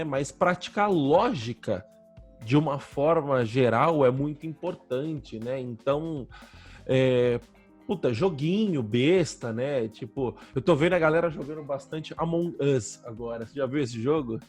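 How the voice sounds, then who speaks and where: Husky man chatting hesitantly. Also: medium pitch, lively intonation, unhurried, a little mellow, soft background music. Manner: hesitant, restarts a lot, casual slang. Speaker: podcast co-host. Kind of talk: casual podcast chat.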